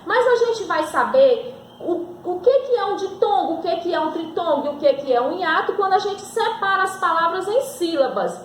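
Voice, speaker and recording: Her voice is very high with lively intonation and a normal speed, plus a little hiss or hum. She's a school teacher with a Brazilian Portuguese accent recording a grammar lesson in an echoey room, answering her own questions and drawing out example words.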